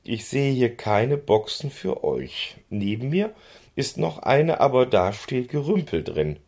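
A man voicing a calm, gruff male horse with a big head in a storybook reading. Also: medium pitch, a little slow, pitched above the performer's own voice.

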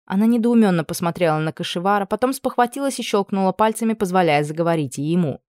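A woman narrating a storybook with lively, expressive reading. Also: medium pitch, quick pace, no room sound, studio quality. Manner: lively, acts out dialogue. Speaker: audiobook narrator.

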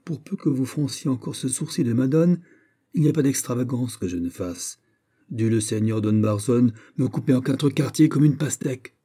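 A man's voice: medium pitch, lively intonation, moderate pace, mellow, breathy edge. A man voicing a gallant young Spanish naval ensign, playful and mock-gallant.

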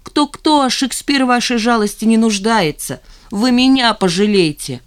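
A reader putting on a furious sharp-tongued woman. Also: medium pitch, normal speed, clear, resonant tone, pitched above the performer's own voice, close to an everyday voice. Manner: angry, raised voice.

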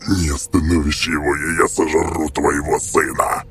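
A man's voice: little pitch movement, a little slow, a little hiss or hum. A man voicing a demon that possesses a boy, in a distorted, layered demonic voice, snarling threats. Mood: raging threats. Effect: demonic layered voice, deep and distorted. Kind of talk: audiobook character voice.

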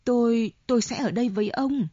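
A woman voicing a frightened, insistent older woman who pleads breathlessly in a high voice, on a dull lo-fi audiobook recording. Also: fairly quick, warm tone, no echo, close to an everyday voice. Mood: pleading.

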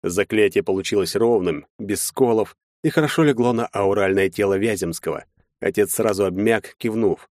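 A man reading a first-person audiobook in steady, measured storytelling on a close mic. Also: on the low side, no echo. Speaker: audiobook narrator.

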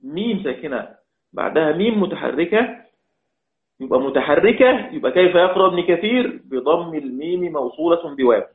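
A man's voice: fairly high pitch, lively intonation, fairly quick. Man teaching, tinny echoey sound. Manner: repeats key points for emphasis; asks questions then answers them. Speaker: Quran recitation teacher. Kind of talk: religious lesson lecture.

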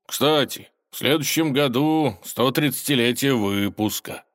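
A man voicing a boastful, toothless old male forest robber in a storybook, squeaky and quick to take offense. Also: natural voice. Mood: chummy. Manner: squeaky, petulant, easily offended. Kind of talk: storybook character voice.

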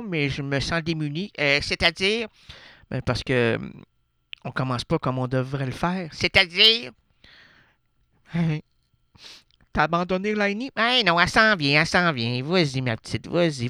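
A man's voice: on the high side, animated, a little slow, sharp tone, smooth, no room sound, clean studio sound. A man with a Québécois accent hosting a radio show, rambling through absurd monologue and playful wordplay with lots of hesitations. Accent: Québécois French. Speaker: radio host. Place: radio studio.

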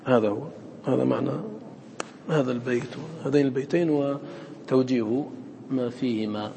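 Man teaching recitation, mellow, reverberant. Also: medium pitch, steady tone, vocal fry, slight background noise. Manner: chants recited words slowly between fast explanations; checks on students with quick questions. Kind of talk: explaining Quran readings to students.

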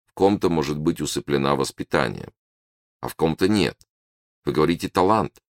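A man reading the part of a polite, condescending male alien official who lectures smoothly. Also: rumbling low, expressive, fairly quick, no echo, studio quality. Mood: lecturing.

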